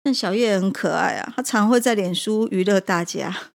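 A woman's voice: medium pitch, moderate pace, gravelly. A woman, a prison teacher and café owner, telling a personal story with emotion and hesitant restarts.

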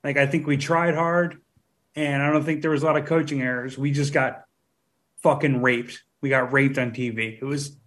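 A man's voice: mid-range voice, steady tone, normal speed, fairly bright tone, poor audio. A man co-hosting a podcast in casual, crude banter, rambling and swearing with frequent laughs. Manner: rambling, profane, laughing often. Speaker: podcast co-host.

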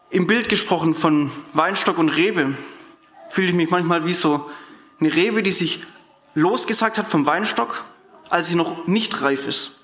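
A man preaching a sermon in an animated, colloquial way, speaking directly to his congregation in a church hall. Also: sits high.

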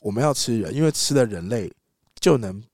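A man voicing a bitter, hungry ape tribe in a low, slow, menacing voice. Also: expressive, a little mellow, dry recording, studio quality.

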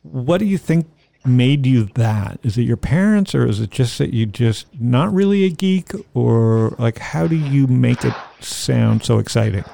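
A man hosting a casual interview, asking loose, rambling questions that start over several times. His voice is low-key and mellow, with a gravelly creak. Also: animated, unhurried.

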